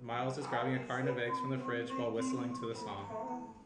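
A young man, seated indoors with a tablet, narrates stage directions for a screenplay table read in an animated, mid-range voice that runs a little fast. The shared desk microphone sits some distance away, so there's roomy echo and a faint background hum.

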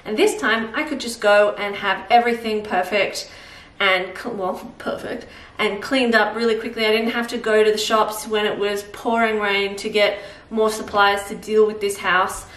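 Here the same kind of kitchen vlog: a woman in her thirties, Australian-accented, cooking and chatting in a loose, rambling way with fillers as she thinks aloud. Her voice sits at medium pitch, steady and a bit bright, at a moderate pace. She's recorded from a few feet away on a camera mic, off-mic in an echoey kitchen.

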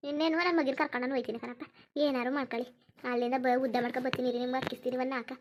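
A woman's voice: high-pitched, flat delivery, racing, a little hiss or hum, close to an everyday voice. A woman voicing a young pregnant village wife in a cartoon, whiny and pleading. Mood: teasing. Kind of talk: cartoon voice acting.

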